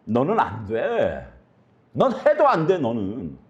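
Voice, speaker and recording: A man's voice: mid-range voice, wildly swooping pitch, slow, dull audio. A male pastor voicing a contemptuous tempter spirit who taunts in a pushy, hard-stressed tone. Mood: taunting.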